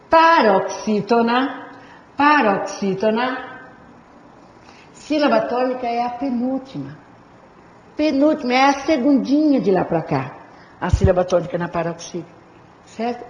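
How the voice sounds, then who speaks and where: A woman teacher giving a grammar lesson, who draws words out slowly to stress their syllables and calls her students "gente" and "amores". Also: a little high, a little mellow, slight background noise. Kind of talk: classroom lecture for exam prep. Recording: echoey hall, dull lo-fi sound.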